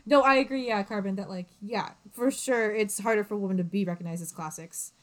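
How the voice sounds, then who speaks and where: A young woman co-hosting a casual book podcast, chatty and agreeable and quick to laugh. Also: mid-range voice. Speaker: podcast co-host. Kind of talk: casual book-club chat. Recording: remote call audio.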